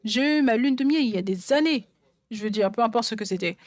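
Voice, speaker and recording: A woman preaches a sermon in a fairly high voice. She drives her points home by repeating phrases again and again, and the sound is dry and close. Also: lively intonation, brisk, darkish tone, dry recording. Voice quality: songwriter speaking of her own songs. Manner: emphatic, repeats phrases for stress.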